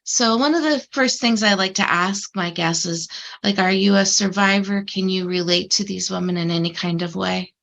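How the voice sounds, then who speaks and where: A woman's voice: mid-range voice, normal speed, vocal fry, fairly bright tone. A woman hosting a podcast interview, friendly and encouraging as she introduces and questions her guest. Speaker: podcast host.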